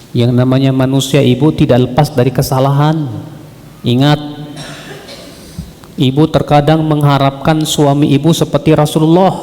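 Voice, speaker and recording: A man preaching a sermon to women, lively and addressing the audience directly with questions. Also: fairly high pitch. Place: auditorium. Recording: long reverb in auditorium.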